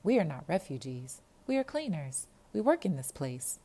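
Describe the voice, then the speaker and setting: A woman's voice: low voice, very animated, moderate pace, warm tone. A woman voicing a young refugee girl who speaks careful, formal, polite English.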